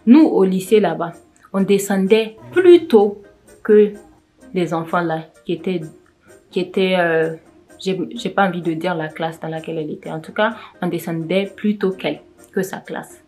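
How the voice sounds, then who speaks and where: A woman's voice: medium pitch, darkish tone. Tired young woman, rambling storytime. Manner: rambling, with frequent restarts and self-corrections. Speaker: vlogger telling a personal story. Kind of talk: casual storytime vlog.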